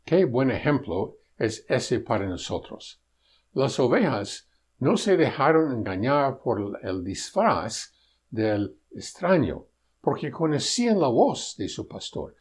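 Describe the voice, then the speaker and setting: A man giving critical Bible commentary, answering a broadcast point by point in a measured, pointed way and citing scripture. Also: mid-range voice, a little mellow, slightly rough.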